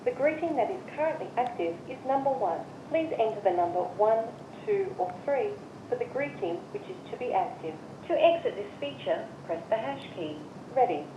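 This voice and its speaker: A woman's voice: fairly high pitch, sing-song, warm tone. Woman's automated voicemail prompts via speakerphone. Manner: measured, evenly spaced instructions. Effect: voicemail system voice heard through a phone speaker. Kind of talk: recorded menu prompts. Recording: muffled, echoey phone speaker with hiss.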